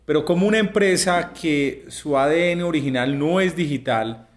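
A man's voice: a little high, normal speed. A man interviewing a business guest, asking questions and often rephrasing the guest's points.

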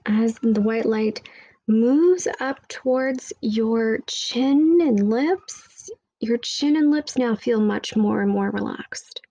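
A woman guides a meditation in a fairly high, hushed voice with a gravelly edge. She soothes with repetitive, hypnotic phrases, spoken close and dry into the microphone. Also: slow, dry recording, poor audio.

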